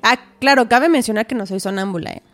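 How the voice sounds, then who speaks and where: A woman's voice: fairly high pitch, fast talker. A woman, a podcast guest telling a personal story in casual talk, acting out what others said. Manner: animated, acts out quoted dialogue.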